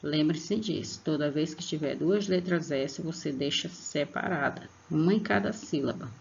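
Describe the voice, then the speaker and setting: Brazilian online teacher, patient, gravelly voice, slow clear examples, lo-fi recording. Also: medium pitch. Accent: Brazilian Portuguese. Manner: patient, checks in with "tá?" after each point; spells out example words slowly. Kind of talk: online spelling lesson. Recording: dull lo-fi recording.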